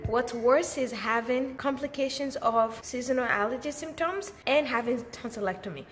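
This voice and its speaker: Higher-voiced woman talking after tonsil surgery. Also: moderate pace, over music. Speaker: vlogger and teacher. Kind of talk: casual video diary.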